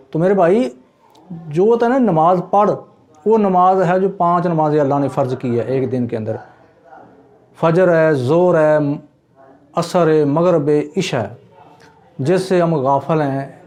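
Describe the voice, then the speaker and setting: A man with a notably high speaking voice delivers a sermon. He exhorts his listeners earnestly, repeating his points and calling them brother. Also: a little mellow. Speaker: preacher.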